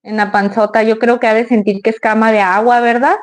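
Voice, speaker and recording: A woman's voice: on the high side, little pitch movement, brisk. A woman, chatting to her viewers in a rambling, storytelling way. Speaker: vlogger. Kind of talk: casual storytelling to the camera.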